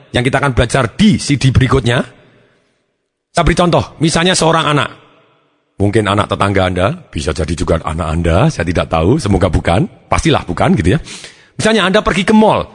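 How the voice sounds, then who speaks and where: A man giving a motivational seminar talk, telling examples with lively energy. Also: medium pitch. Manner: lively, animated storytelling. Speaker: motivational speaker.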